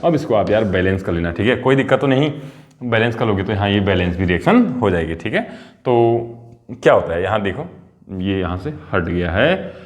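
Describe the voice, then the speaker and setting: A male chemistry teacher giving a lively lecture, repeating key terms and coaxing his students to answer. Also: lowish voice, a little fast. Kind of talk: classroom lecture.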